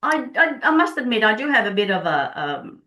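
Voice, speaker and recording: Here the middle-aged Czech woman from Prague talks fairly quickly in a fairly high, sing-song voice with a sharp tone. As an interview guest and Body Code practitioner, she explains what she does with earnest enthusiasm.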